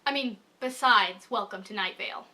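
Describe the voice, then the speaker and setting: A woman's voice: mid-range voice, normal speed, sharp tone. A young woman, a student, giving a casual spoken review in a chatty, giggly, self-deprecating way. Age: young adult.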